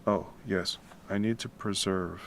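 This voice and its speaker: A music composition streamer chats a little slowly in a deep baritone, rambling casually as he works late at night. He stays relaxed, swears offhandedly and speaks quietly to keep noise down in his home room. The recording picks up noticeable background noise, typing included.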